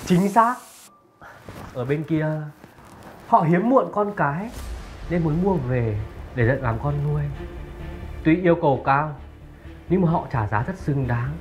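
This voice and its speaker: A man playing a cruel male kidnapper and bully who sneers and shouts threats. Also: fairly high pitch, animated, a little slow, long pauses, lo-fi sound, soft background music. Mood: menacing. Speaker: kidnapper villain, then rude customer. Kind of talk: web drama acting.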